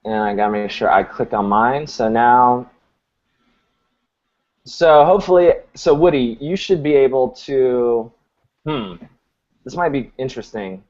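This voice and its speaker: A man's voice: medium pitch, a little slow, pauses often. Laid-back man hosting a live call. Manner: relaxed, thinks aloud with restarts. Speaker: host. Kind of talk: casual live stream chat. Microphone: video call. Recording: muffled lo-fi audio.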